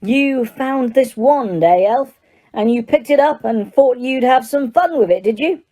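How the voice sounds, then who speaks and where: A woman's voice: on the high side, lively intonation, a little slow, warm tone, voice pushed up, poor audio. Woman playing a stern, barking male wizard official. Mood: hard, triumphant.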